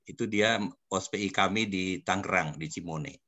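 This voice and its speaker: Speaking at normal speed in a low, sharp-toned voice, an older pastor from Indonesia leads a church study group. He weaves in personal stories and frequently addresses the listeners directly as "Saudara."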